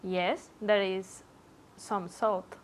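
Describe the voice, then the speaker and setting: A woman student answers her teacher in short, hesitant words. She speaks very slowly at an ordinary pitch. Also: level tone.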